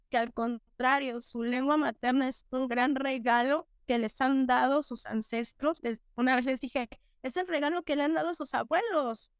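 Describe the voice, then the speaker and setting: A woman's voice: high-pitched, smooth, dry recording, studio quality. A Mexican woman in her thirties, a teacher and interview guest, telling stories reflectively with many fillers and restarts.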